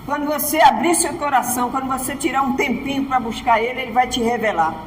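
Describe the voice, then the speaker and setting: Preaching fast in a high voice, a woman pastor with a Brazilian Portuguese accent delivers an emphatic sermon from the church altar. Her frequent "Amém?" to the congregation echoes through the church hall, with a little hiss or hum in the recording.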